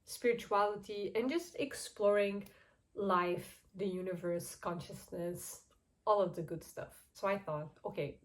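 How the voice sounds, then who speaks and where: Young woman, Portuguese accent, channel host, candid personal storytelling, chatty, soft laughs, mid-pitched voice. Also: low-quality recording. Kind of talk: casual personal storytelling to camera.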